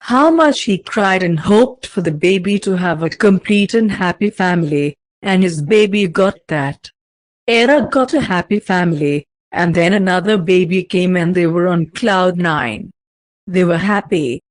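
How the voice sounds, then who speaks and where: A woman narrating a fanfiction story aloud in a steady, even storytelling manner. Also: on the low side, a little slow, no room sound.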